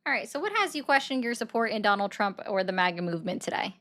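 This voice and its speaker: A woman's voice: mid-range voice, animated, quick pace, a bit bright. A woman hosting a political call-in livestream, talking bluntly and pushing back firmly on her callers. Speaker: host taking viewer calls.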